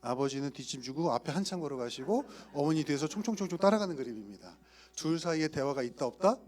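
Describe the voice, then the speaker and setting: A man's voice: a little high, lively intonation, fast, darkish tone. A male youth pastor giving a playful sermon, often asking his listeners questions. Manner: playful, asks the audience questions. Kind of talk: sermon to young adult leaders.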